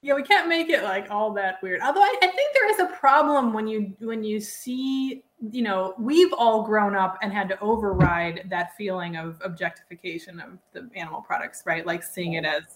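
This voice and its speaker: A woman's voice: mid-range voice, normal speed, hardly any pauses. A woman in her thirties hosting a podcast, chatting casually with lots of "like" fillers. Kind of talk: casual chat.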